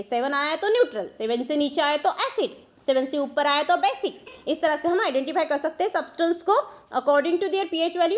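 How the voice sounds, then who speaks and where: Female teacher, very high voice, quizzes and answers herself, mixes in English terms. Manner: explains step by step, asks and answers her own questions, mixes English terms. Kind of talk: classroom science lecture.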